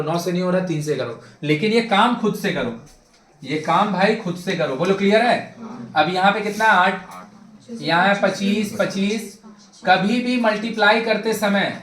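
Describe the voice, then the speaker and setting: Young male teacher, high-pitched, brisk and repetitive, recorded in an echoey classroom. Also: a bit bright. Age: young adult. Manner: brisk and insistent, repeats himself, prods students. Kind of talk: classroom maths lecture. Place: classroom with a board.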